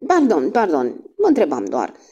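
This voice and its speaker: A woman's voice: on the low side, huge pitch swings, dark tone, slightly rough, muffled recording, heavily acted. Woman voicing a nervous, hesitant older husband. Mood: fumbling. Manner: hesitant, fumbling speech.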